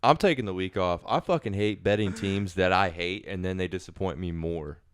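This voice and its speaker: Low-voiced man in profane sports chat. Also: fairly quick, smooth, no echo, clean studio sound. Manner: profane, blunt. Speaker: podcast host.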